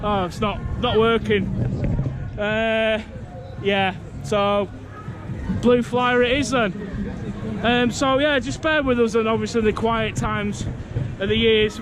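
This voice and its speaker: A man of about forty, chatting in a rambling, casual walk-and-talk vlog outdoors. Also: very high voice. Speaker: theme park vlogger. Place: outdoors in a windy amusement park. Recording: outdoor amusement park with loud music.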